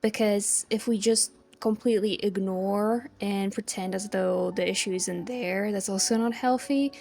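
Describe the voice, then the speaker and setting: A young woman speaking a quiet, earnest, measured aside, recorded on a phone with low audio quality. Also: steady tone, creaky. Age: young adult. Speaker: video essayist. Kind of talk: casual spoken aside.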